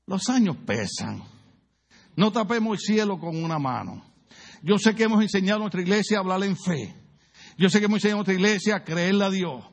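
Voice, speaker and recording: A man's voice: sits high, quick pace. A middle-aged man with a Puerto Rican accent preaching a humorous sermon, telling stories, acting out voices and asking the congregation questions. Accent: Puerto Rican Spanish. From Puerto Rico. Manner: storytelling, asks the congregation questions, acts out voices. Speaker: pastor.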